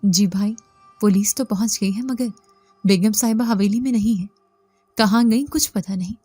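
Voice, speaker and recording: A woman voicing a kind, protective male gatekeeper who gives calm, reassuring instructions in a storybook reading. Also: mid-range voice, slightly rough, dry recording, faint music behind, close to an everyday voice. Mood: urging.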